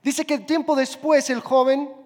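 High-voiced preacher in a reverberant hall. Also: male voice, steady tone, unhurried, a little mellow. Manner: vivid storyteller who repeats phrases for emphasis. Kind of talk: sermon with dramatic storytelling.

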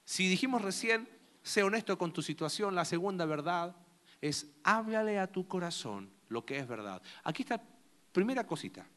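A man's voice: high-pitched, lively intonation, normal speed, fairly bright tone. A young man preaching a sermon in a conversational way, asking his listeners many questions. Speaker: pastor.

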